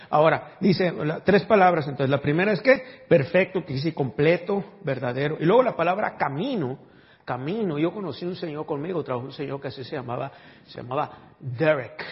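A pastor preaching a sermon, emphatic and calling on the congregation for responses. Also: male voice, a little high. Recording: dull audio with long hall reverb.

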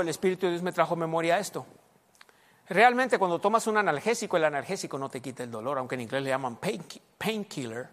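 A man preaching a sermon in a storytelling way, dropping to hushed asides and rising to emphatic exhortation. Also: a little high, big-room sound. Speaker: pastor.

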